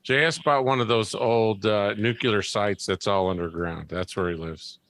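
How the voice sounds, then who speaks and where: A man's voice: on the low side, fairly even intonation, moderate pace, fairly bright tone. A man hosting a podcast, chatting eagerly with his guests. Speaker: podcast host. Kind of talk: casual podcast chat.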